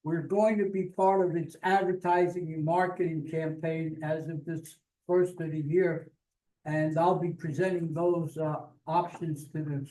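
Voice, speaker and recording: A man with an American accent delivers a vice commander's report, halting now and then with fillers. His voice sits high but mellow in tone. He is picked up from far off in an echoey meeting hall.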